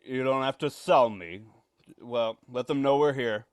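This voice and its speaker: A man's voice: mid-range voice, measured pace, close to an everyday voice. A man playing a penny-pinching, anxious property owner in old-time radio suspense style, curt, skeptical and fretful. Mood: grumbling, skeptical.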